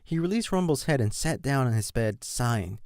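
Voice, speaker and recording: A man narrating a fan fiction audiobook in an expressive reading style. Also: medium pitch, fairly quick, no echo, studio quality. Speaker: reader.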